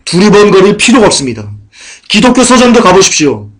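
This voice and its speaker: A male pastor preaching a sermon in church, swinging dramatically between emphatic bursts and hushed lament. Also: high voice, sing-song, fast talker.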